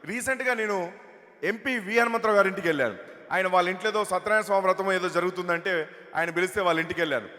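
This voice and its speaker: A male comedian chatting through a lively stage comedy routine at a large event, on a handheld mic through an echoey hall PA. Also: sits high, rapid-fire. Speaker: stand-up comedian and mimic.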